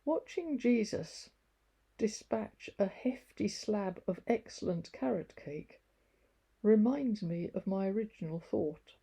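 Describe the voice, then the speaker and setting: A woman reading aloud from her own devotional book in a gentle, confiding, wry first-person tone. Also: mid-range voice, expressive, takes it slowly, breathy edge.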